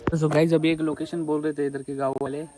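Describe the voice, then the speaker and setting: A man with a fairly high voice talks quickly and flatly over a loud crowd while filming a casual seaside travel vlog on a handheld phone. Chatty and joking, he switches between Hindi and Marathi, and the outdoor recording is noisy.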